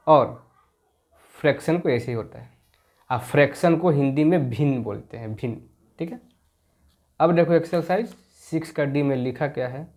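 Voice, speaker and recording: A man teaching a children's maths class, explaining slowly and repeating each point patiently, and reading the English text aloud very slowly. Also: on the high side, a little mellow. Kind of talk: explaining a school maths lesson.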